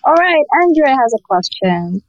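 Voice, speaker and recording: A woman moderating an online audio room, briskly bringing audience members up to ask questions. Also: sits high, very animated, lo-fi sound.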